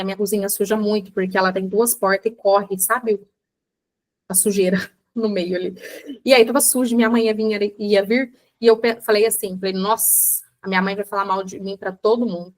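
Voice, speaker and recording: A Brazilian psychologist with a Brazilian Portuguese accent teaches a book club class in a chatty online lecture. Her medium-pitched voice is steady and fairly quick, and she calls her listeners "gente" while acting out everyday examples.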